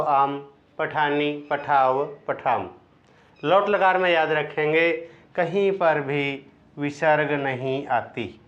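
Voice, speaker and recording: A male Sanskrit teacher talks at a very slow, deliberate pace, drilling verb endings one by one. His voice sits a little high and he explains each step patiently, asking little questions back. The recording is dull and lo-fi. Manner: chants verb forms in slow repeated drills. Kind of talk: slow classroom-style grammar lesson. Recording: dull lo-fi sound.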